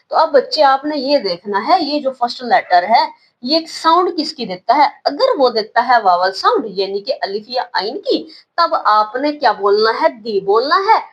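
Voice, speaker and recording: A woman's voice: high voice, a bit bright, muffled recording. A woman with a Pakistani accent teaching English pronunciation, patiently repeating words and quizzing her students. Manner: patient, repeats words and asks questions back. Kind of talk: classroom-style lesson.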